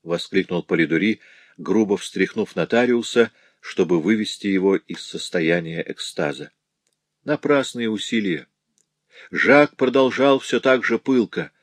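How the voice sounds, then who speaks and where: A man reading an audiobook aloud in measured, dramatic literary narration. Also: low-pitched, lively intonation, dry recording, studio quality. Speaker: audiobook reader.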